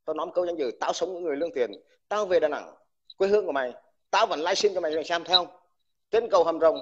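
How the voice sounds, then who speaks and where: Speaking very fast at a somewhat raised pitch, a combative army veteran rants furiously on a livestream, throwing crude insults at the listener. When worked up he stutters over repeated words. It's a dull, lo-fi recording.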